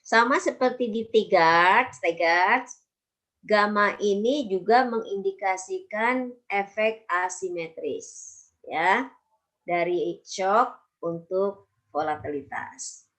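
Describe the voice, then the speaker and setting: A woman's voice: mid-range voice, slow pace, fairly bright tone. Woman lecturer quizzing her students. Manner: questioning, prompts students to write and answer. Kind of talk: university lecture on time series.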